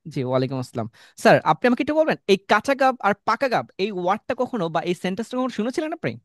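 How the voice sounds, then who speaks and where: A man's voice: high voice, big pitch swings, very fast, no echo. Guy teaching an online class, makes students repeat tongue twisters, dry close mic on a call. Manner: coaching students through tongue twisters, calling on them. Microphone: computer mic on a video call.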